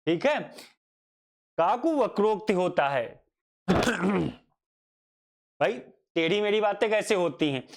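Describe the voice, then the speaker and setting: A man giving a grammar lecture at an unhurried, deliberate pace, his voice sitting high for a man. He poses questions to himself and answers them, then repeats each definition so it sinks in. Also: expressive. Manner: addresses students fondly as child. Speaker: teacher.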